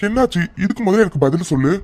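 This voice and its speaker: A man's voice: high-pitched, animated, very fast, darkish tone. A man voicing a caring young man named Guru who keeps coaxing and teasingly asking questions. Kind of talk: cartoon voice acting.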